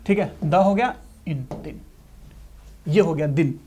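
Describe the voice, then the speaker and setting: A man's voice: on the high side, takes it slowly, darkish tone, slight background noise. A man teaching a shorthand lesson, breaking words into syllables and repeating them patiently. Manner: patient, explanatory, checks in with "ठीक है". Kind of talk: classroom lesson.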